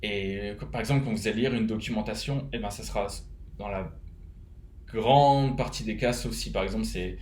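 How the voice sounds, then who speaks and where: A man's voice: on the low side, moderate pace, a little mellow, roomy sound, a little hiss or hum. A man from France with a French accent, casually giving advice to fellow web developers, rambling with many fillers and restarts. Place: home, living in Canada.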